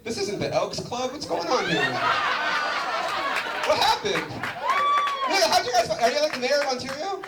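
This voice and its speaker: With a very high voice and a moderate pace broken by frequent pauses, a Southern California stand-up bantered animatedly with a live audience, chatty and loose with fillers. Audience laughter and crowd noise fill the roomy, distantly recorded venue.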